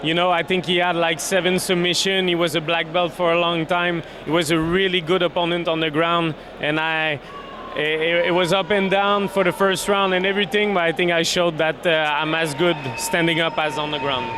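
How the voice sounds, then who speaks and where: A man's voice: on the high side, flat delivery, moderate pace. A man with a Québécois French accent, a native French speaker, talking casually and confidently in English as a fighter in a post-fight interview. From Quebec, Canada. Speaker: MMA fighter being interviewed. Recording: clear urban ambient noise behind.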